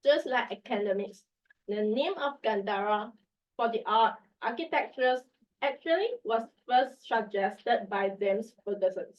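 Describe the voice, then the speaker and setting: Woman with a sick voice presenting a paper. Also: on the high side. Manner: reads a prepared paper, measured. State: sick voice, clearing throat. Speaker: academic presenter. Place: lecture room. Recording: distant, dull room mic.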